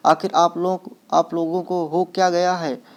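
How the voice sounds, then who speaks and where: Male reader as grieving, angry young husband; slightly high voice, emotional reading. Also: flat delivery, a little slow. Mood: anguished.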